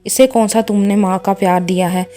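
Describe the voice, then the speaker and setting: A woman's voice: mid-range voice, fairly even intonation, mellow, faint music behind, lightly acted. Woman doing a mean mother-in-law who bosses everyone around, scolding in a storybook. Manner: scolding, contemptuous. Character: harsh, scornful older mother-in-law.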